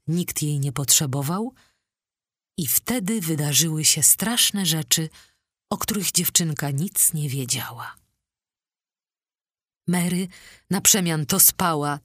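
An audiobook narrator, a woman with a slow, husky, low-sitting voice, reads a story in scripted narration. Her storytelling is measured and expressive, captured in a dry, clean studio recording.

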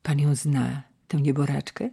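A man's voice: on the high side, level tone, measured pace, gravelly, dark tone, breathy edge, exaggerated voice. A man voicing a curious, fretful woman servant in a storybook reading. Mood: prying. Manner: fretful, prying. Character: fussy, curious female maidservant.

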